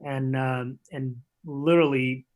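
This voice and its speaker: A soccer coach from Portugal answering a host's questions over a remote link. He speaks thoughtfully, pausing often with fillers as he gathers his words. His voice sits at an ordinary middle pitch. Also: steady tone, darkish tone, poor audio. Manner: thoughtful, hesitant with many fillers. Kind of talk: interview answers. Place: remote call.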